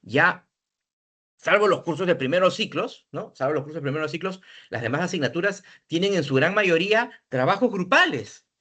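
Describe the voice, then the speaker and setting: A man training university teachers, talking in an animated way, with many tag questions and repeated words, recorded indoors at a computer. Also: fairly high pitch, moderate pace. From Peru. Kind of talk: training talk to teachers on video lessons.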